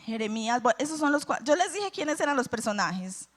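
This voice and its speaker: A woman's voice: fairly high pitch, big pitch swings, brisk. A woman preaching a sermon at a church service, reading scripture and asking her listeners questions in a conversational way. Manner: conversational, asks the congregation questions.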